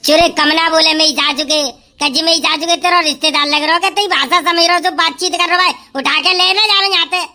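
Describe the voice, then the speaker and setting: A woman performing a village comedy sketch, talking loud and bantering. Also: extremely high pitch, steady tone, a little fast.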